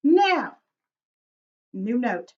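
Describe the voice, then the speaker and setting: A woman's voice: on the high side, big pitch swings, very slow, dull audio. A woman teaching children a recorder lesson, encouraging them and chanting rhythms aloud. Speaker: music teacher.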